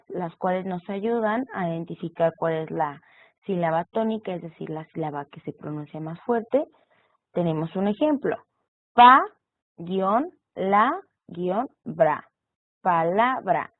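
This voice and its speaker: The audio here is tinny and phone-like but echo-free: a woman with a mid-range voice, an online course teacher, goes through examples while explaining punctuation and text structure in a recorded lecture.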